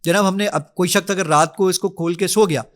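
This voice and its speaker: Bright and high-pitched with fairly even intonation, this man is the founder showing off his app on a podcast. He's eager and energetic, voicing his own requests as he demonstrates.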